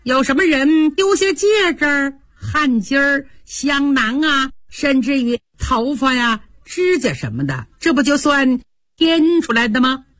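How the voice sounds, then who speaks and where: Ping'er, a woman doing a quick-witted, fiery young maid. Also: high voice, lively intonation, fairly bright tone, no room sound, studio quality, pitched above the performer's own voice. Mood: sly. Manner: quick, chiding, clever.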